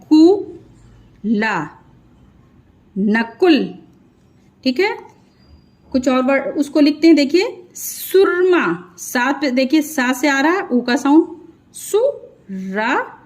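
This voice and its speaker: Female phonics teacher, high voice, very slow syllable-by-syllable delivery. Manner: sounds out syllables one by one, repeating words; asks the viewer questions as she teaches. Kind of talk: slow children's phonics lesson.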